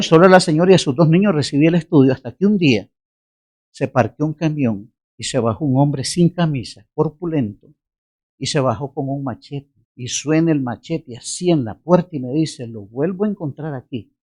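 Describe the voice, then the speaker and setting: A man preaching a sermon, telling a personal story with lively storytelling and laughing at himself. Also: on the high side, normal speed. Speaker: pastor.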